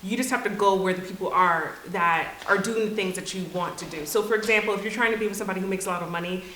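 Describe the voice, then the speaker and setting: A woman in her thirties with a bright, sharp voice. She gives her opinions in a relaxed way and says "like" often. The room around her voice sounds echoey. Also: medium pitch, fast talker. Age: 30s. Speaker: panel guest. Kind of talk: casual roundtable chat. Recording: echoey room with faint hiss.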